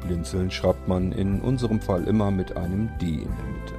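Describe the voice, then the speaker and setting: A man's voice: low voice, normal speed. A man reading the closing announcement of an audio production in a plain, informative manner. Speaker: podcast announcer. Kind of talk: scripted outro. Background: music.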